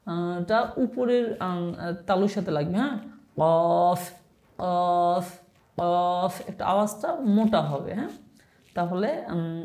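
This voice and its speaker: A woman teaching Arabic letter pronunciation in an online Quran class, patiently modelling each letter slowly and often checking with the listener. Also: mid-range voice, dark tone. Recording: echoey room.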